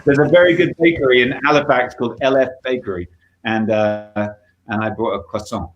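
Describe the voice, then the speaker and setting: A man's voice: mid-range voice, fairly even intonation, a little fast, highs cut off, faint music behind. A man being interviewed as a musician, talking in a reflective, thoughtful way over a video call, often restarting his sentences. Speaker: guest musician. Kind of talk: casual interview chat.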